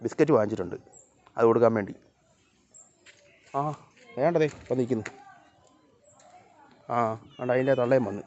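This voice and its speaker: A vlogger walks outdoors beside flooded fields, chatting casually to the camera and calling his dog and cats to follow. His medium-pitched, slightly mellow voice moves at a moderate pace with frequent pauses, and the audio is dull.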